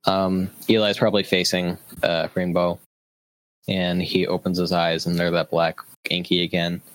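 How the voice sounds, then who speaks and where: A man with a fairly deep voice plays a tabletop role-playing game. He speaks casually for his character, haltingly and circling back over phrases, in a very dry recording. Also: flat delivery, dry recording, low-quality recording.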